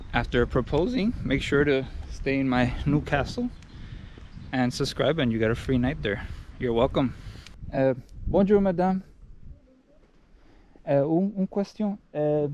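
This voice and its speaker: A man records a casual travel vlog outdoors in the wind. His voice is mid-pitched, and clear wind and street noise sits around it on a handheld action camera. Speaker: travel vlogger. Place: outdoors on hilly old village streets. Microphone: action camera held at arm's length.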